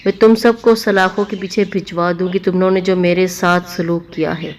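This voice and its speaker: A woman's voice: on the low side, flat delivery, slight background noise, close to an everyday voice. A woman voicing an abusive, foul-tempered young foreign wife in a spoken story, scolding and accusing. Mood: threatening.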